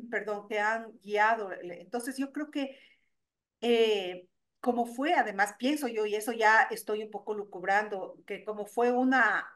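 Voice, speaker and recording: A middle-aged woman, speaking as a radio interview guest. She explains things at length, pausing and restarting as she searches for words. Her voice sits at an ordinary middle pitch. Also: fairly bright tone. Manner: thoughtful, many hesitations and restarts. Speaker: guest, NGO executive director.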